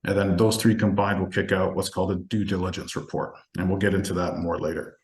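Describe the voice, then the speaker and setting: A man with a fairly low voice runs a webinar presentation over a video call. He talks fast and keeps checking that his listeners are following along. The sound is roomy and echoey. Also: level tone. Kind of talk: casual sales presentation.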